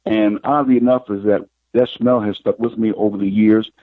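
A middle-aged man, a psychic guest, telling his life story in an interview in an unhurried, reflective way. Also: fairly low pitch, fairly even intonation, no room sound. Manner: unhurried, reflective, retells scenes with quoted dialogue. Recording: tinny phone line.

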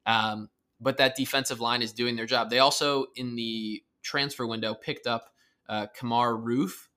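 A man's voice: medium pitch, steady tone, measured pace, sharp tone, clean tone. A man co-hosting a casual sports podcast, talking through team stats in an upbeat, informative way. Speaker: podcast co-host.

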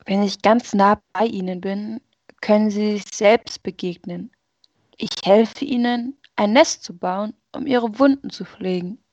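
A woman's voice: medium pitch, a little slow, a little mellow, dry recording. Woman reading as sorrowful Sadness, earnest, plaintive, storybook reading, dry dull sound. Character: sorrowful, rejected female personification of Sadness.

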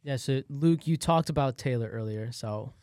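A man's voice: mid-range voice, normal speed, a little mellow, dry recording, clean studio sound. A man in his twenties co-hosting a casual podcast interview, setting up questions in a light, teasing way. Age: 20s. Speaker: podcast co-host.

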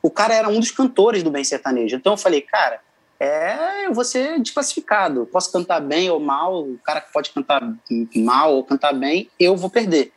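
A man's voice: fairly high pitch, very animated, normal speed, poor audio. A young man, a singer, telling stories casually as an interview guest, laughing often. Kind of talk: casual storytelling.

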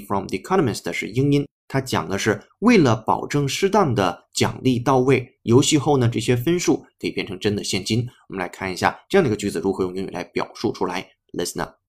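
Patient man teaching English word by word. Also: lowish voice. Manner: slow, patient, spells words letter by letter. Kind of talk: explaining a text line by line.

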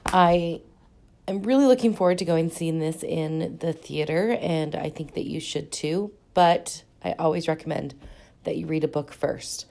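A woman hosting her own podcast while sick, hoarse, chatting casually about books with frequent ums. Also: deep voice, moderate pace, warm tone. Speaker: podcast host. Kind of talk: casual book talk monologue.

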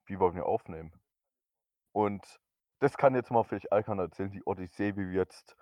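A young man in his twenties chats casually as a podcast co-host, a little hesitant and full of fillers. His voice sits low, and the recording is dry and somewhat dull, as from a home setup. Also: brisk, dry recording. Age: 20s. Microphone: new podcast microphone.

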